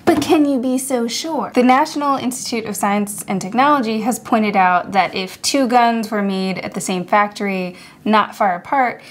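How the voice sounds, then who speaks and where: A woman hosting a podcast, narrating a scripted essay in a casual, wry, conversational way with chatty asides. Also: a little high. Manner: casual, wry, conversational, laughs at own jokes. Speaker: podcast host.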